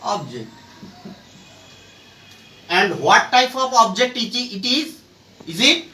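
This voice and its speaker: Speaking slowly in a bright, high voice, this very animated man teaches English grammar with a Bangladeshi accent. His formal lecture moves in halting, deliberate phrases separated by pauses. A far-off microphone captures it in a room full of echo, along with faint background noise.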